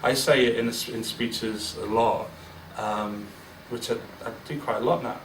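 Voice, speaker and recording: At a business event in a large room, a man in his forties, the guest speaker, addresses the audience candidly and informally, with many fillers and restarts. His fairly low voice keeps fairly even intonation at a moderate pace. A distant mic gives the recording a roomy feel, faint ambience, and background noise.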